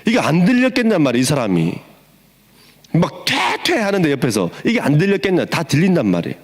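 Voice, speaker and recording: Animated male pastor preaching in a reverberant hall. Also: fairly high pitch, quick pace, breathy edge. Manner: animated, acts out the scene with quoted voices. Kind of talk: sermon to students.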